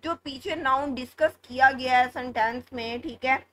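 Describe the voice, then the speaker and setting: A woman teaching an online English lesson to schoolchildren, explaining step by step with frequent filler phrases and check-ins, and reading English examples slowly with stress on the word endings. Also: high-pitched, a bit bright, slight background noise, poor audio. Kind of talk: online class lecture.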